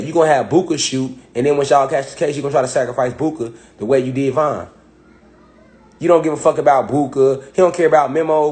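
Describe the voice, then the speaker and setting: A man's voice: on the high side, darkish tone. Heated man calling out a rapper. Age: 30s. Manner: confrontational, calls out the rapper directly, slangy. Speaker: commentator reacting to rap songs. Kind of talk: heated reaction commentary.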